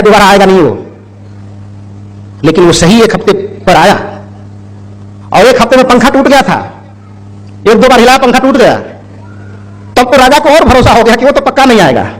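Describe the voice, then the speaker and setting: A man's voice: sits high, rough recording. A man telling a moral story in a talk, acting out the characters' lines with animation. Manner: animated storyteller who acts out the quotes. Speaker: speaker.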